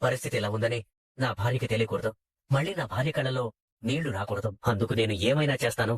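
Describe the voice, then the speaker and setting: A man's voice: mid-range voice, fast talker, slightly rough, close to an everyday voice. A man playing a worried, wealthy minister who is fiercely protective of his wife. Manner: earnest, worried. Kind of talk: Telugu TV serial acting.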